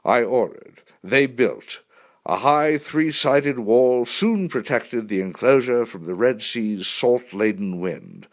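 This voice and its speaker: A man narrating a first-person memoir in an expressive, vivid storytelling manner. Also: fairly low pitch.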